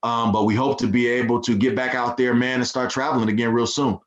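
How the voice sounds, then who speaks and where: A man speaking as a podcast guest in a relaxed, laid-back way, with lots of fillers. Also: medium pitch, quick pace. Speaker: guest, nonprofit founder. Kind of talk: casual interview chat. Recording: dull lo-fi sound.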